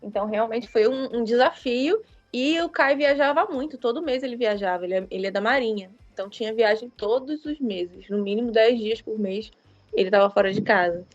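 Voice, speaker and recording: A guest writer in her thirties from Rio de Janeiro, Brazil, speaks with a Carioca Brazilian Portuguese accent in a slightly high voice, fairly quick, with the highs cut off. Talking casually in an interview, she rambles, uses many fillers, and often corrects herself.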